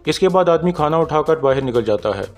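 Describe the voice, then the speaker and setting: A man's voice: on the high side, fairly quick. Pakistani man narrating a drama recap. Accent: Pakistani Urdu. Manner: steady storytelling, reads out characters' lines in his own voice. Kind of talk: scripted narration. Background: faint background music.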